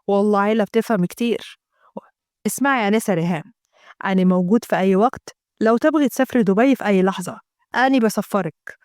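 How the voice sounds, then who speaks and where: A woman voicing a fawning wealthy man with a Gulf Arabic accent, speaking in a slow, flattering drawl. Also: mid-range voice, no room sound, clean studio sound, voice pushed down, natural voice. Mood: flirtatious.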